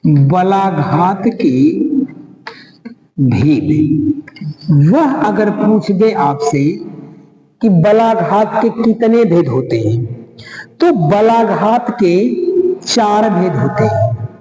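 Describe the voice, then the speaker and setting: A man teaching a lesson, speaking slowly, repeating key terms and stretching out single words. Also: high voice, very animated, dark tone. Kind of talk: classroom lecture. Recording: echoey room, roomy reverb.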